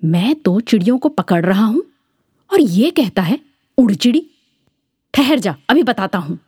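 A woman's voice: medium pitch, big pitch swings, a little slow, darkish tone, slightly rough, no echo, studio quality, exaggerated voice. A woman voicing an angry bird-catcher who scolds and threatens.

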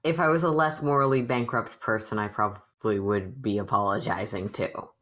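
Wry young male changeling cleric, voiced by a woman, very low pitch, measured delivery. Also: steady tone, fairly bright tone.

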